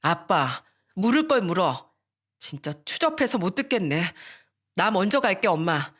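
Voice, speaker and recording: A woman's voice: on the low side, very animated, measured pace, fairly bright tone, heavily acted. A woman voicing a curt, disgusted grown daughter. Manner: curt, cold, dismissive.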